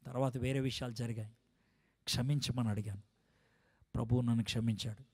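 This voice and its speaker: A man preaching a sermon as a dramatic story, swinging from soft, hushed lines to loud climaxes. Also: medium pitch, fairly even intonation, fairly quick, slightly rough. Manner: acts out quoted dialogue in story.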